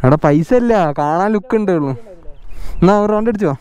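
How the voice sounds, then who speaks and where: A man's voice: high-pitched, expressive, a little fast, darkish tone, smooth. A young man gives casual riding commentary, mixing English words and slang into his Malayalam. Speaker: motovlogger. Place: outdoors on a motorbike ride. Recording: outdoor vehicle and ambient noise.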